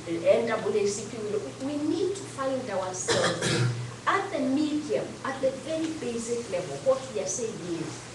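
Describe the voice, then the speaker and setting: A woman from Kenya, an educator and activist, giving an earnest public talk with frequent fillers. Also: fairly high pitch. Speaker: guest speaker, educator and activist. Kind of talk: public talk to a community audience. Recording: echoey hall, distant mic, background noise.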